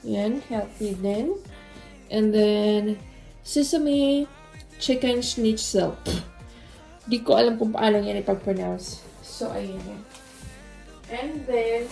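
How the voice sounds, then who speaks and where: A Filipino woman vlogger chats casually while unboxing food, joking self-deprecatingly and stumbling over names she can't pronounce. Her voice is medium-pitched and mellow with some vocal fry, picked up by a distant, roomy mic with music playing underneath.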